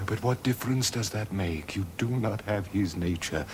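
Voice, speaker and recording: A man's voice: fairly low pitch, normal speed, slight background noise, close to an everyday voice. An actor playing an aging, earnest Roman emperor who speaks hesitantly to his son, in 1970s television drama style. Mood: pleading.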